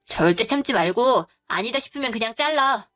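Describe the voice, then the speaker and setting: A woman's voice: fairly high pitch, expressive, moderate pace, a bit bright, soft background music. A woman voicing an outspoken younger sister who urges her older sister to stand firm, in a spoken story. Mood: urging. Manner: blunt, urging.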